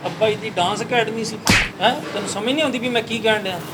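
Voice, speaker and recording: A man with a high voice plays an exasperated customer in a comic sketch. He talks insistently, pushing his point. Loud noise runs under his voice. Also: fast talker. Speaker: grieving customer.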